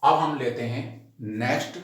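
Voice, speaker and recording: A man teaching English grammar to students. He explains each rule slowly and patiently, spells words out letter by letter, and repeats every point. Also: mid-range voice. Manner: addresses the class directly as students. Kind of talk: recorded grammar lesson. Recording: very echoey room.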